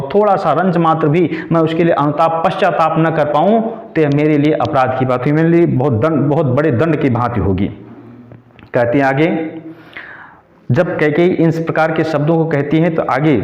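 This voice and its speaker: A man teaching a poetry lesson, reading verse lines slowly and then explaining each one in plain words. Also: a little high. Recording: echoey lo-fi room recording.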